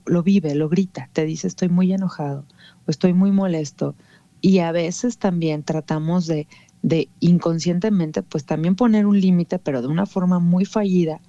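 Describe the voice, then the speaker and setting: A woman's voice: lowish voice, mellow, dry recording, lo-fi sound. A woman, a guest who explains emotional topics patiently and often adds a questioning "no?". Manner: patient, explaining with many rhetorical "¿no?" tags. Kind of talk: explanatory conversation.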